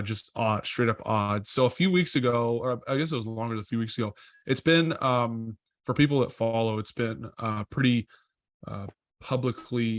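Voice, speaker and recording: A man's voice: lowish voice, dry recording, studio quality. A man co-hosting a podcast in casual chat, rambling and correcting himself as he thinks aloud. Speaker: podcast co-host.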